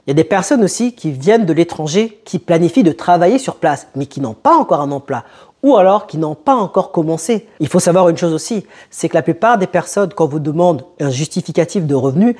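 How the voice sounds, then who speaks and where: A man's voice: fairly high pitch, mellow, husky. A young man hosting a casual advice vlog, speaking straight to his viewers and putting rhetorical questions to them. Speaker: YouTube host giving advice to newcomers.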